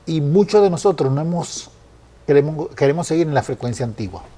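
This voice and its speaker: A man earnestly explaining Bible passages in a conversational study, often pausing with fillers and restarting phrases. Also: fairly high pitch, animated, warm tone. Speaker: Bible teacher.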